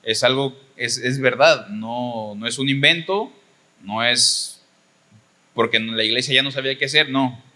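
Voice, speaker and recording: A young man leads a church Bible study. His voice is bright and of middle pitch. He tells stories and acts out the quoted exchanges in a loose, conversational way. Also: a little slow. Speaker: church teacher.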